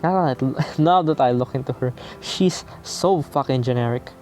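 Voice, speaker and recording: A man's voice: mid-range voice, moderate pace, darkish tone, soft background music. A man playing a visual novel, reading its text aloud and breaking off into casual, profane, self-mocking commentary.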